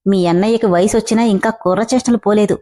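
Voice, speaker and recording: A woman's voice: mid-range voice, steady tone, quick pace, mellow, close to an everyday voice. A woman reading the lines of a scheming, sarcastic middle-aged man. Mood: sneering. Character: scheming, sneering middle-aged brother-in-law.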